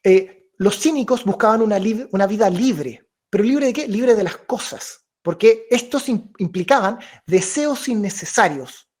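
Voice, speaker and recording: A young man leading an informal philosophy talk for a reading club. He thinks aloud with many restarts and hesitations, and acts out inner voices and quoted remarks in lively mock tones. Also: high voice, moderate pace, hardly any pauses. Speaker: discussion leader.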